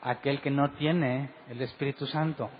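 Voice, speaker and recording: A man's voice: mid-range voice, fairly even intonation, normal speed. A man preaching a sermon as pastor, asking the congregation one rhetorical question after another. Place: church hall. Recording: dull recording with long hall reverb.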